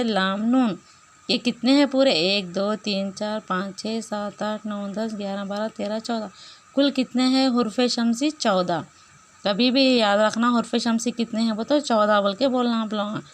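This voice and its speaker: A woman teacher giving a recorded Urdu lesson, explaining slowly, repeating points and asking questions. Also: a little high.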